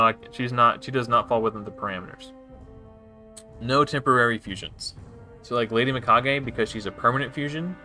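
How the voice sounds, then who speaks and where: Here a gamer streams himself playing and comments offhandedly, constantly restarting sentences and fixing what he says. The voice is medium in pitch with a sharp tone.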